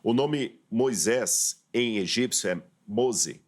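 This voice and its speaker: A man's voice: fairly low pitch, lively intonation, slow pace. Man explaining like a lecturer. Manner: lecturing, explains terms step by step. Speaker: guest archaeology professor. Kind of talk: explanatory interview talk. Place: TV studio.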